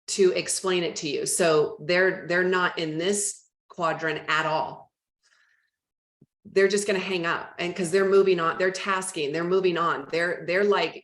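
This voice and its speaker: A woman leading a real estate team training, talking in a chatty, animated way and acting out phone calls. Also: fairly low pitch, echoey room.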